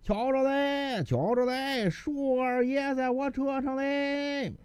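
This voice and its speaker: Guy doing a cheerful old cart driver, drawn-out hollering, dry sound. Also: very high voice, mellow, clear, resonant tone, dry recording, pitched above the performer's own voice. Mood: hollering proudly. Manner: drawn-out calling out.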